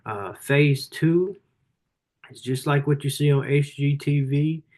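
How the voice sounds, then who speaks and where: A man's voice: on the high side, fairly even intonation, slow pace, darkish tone. A man in his forties hosting a live book review, speaking casually and earnestly with a motivational tone and plenty of "you know" and "um". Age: 40s. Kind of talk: motivational talk on a livestream.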